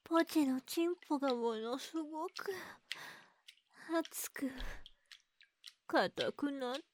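In an ASMR roleplay, a woman with a high-sitting voice plays a teasing, dominant woman who speaks in old-fashioned, archaic language. She whispers slowly and playfully right up close to the mic, in a mocking tone.

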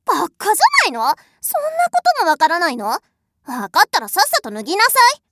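A woman's voice: extremely high pitch, wildly swooping pitch, quick pace, pushed and bright, no room sound, studio quality, full character voice. A woman voicing a haughty, spoiled rich young lady who is bossy, cruel and scornful, in an audio drama. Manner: imperious, scornful, mocking. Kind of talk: adult audio drama role-play.

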